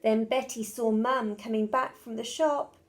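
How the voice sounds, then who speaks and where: A woman's voice: fairly high pitch, fairly even intonation, measured pace. A woman teacher reading a rhyming children's storybook aloud in a rhythmic, sing-song way.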